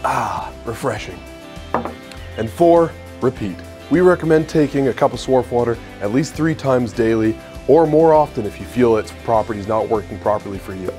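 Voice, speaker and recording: A man playing an earnest spokesman selling a fake health product in a parody infomercial, with a smooth salesman delivery. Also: medium pitch, lively intonation, normal speed, mellow, faint music behind, natural voice.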